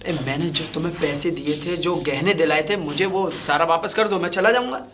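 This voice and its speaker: A man's voice: on the high side, fairly quick, noisy background, natural voice. A man playing a bitter jilted lover. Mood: angry. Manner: angry, accusing. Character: jilted young man demanding answers. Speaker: actor. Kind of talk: low-budget crime drama acting.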